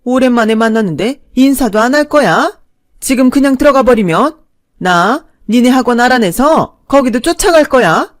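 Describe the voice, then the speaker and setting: A woman voicing a brazen old stepmother-in-law who talks loud, whining and accusing. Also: a little high, animated, normal speed, no room sound, clean studio sound, natural voice. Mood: demanding.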